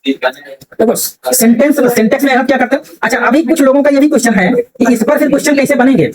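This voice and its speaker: A man's voice: very high voice, animated, a little fast, background noise. A male teacher giving a grammar lesson to a classroom, constantly asking his students rhetorical questions.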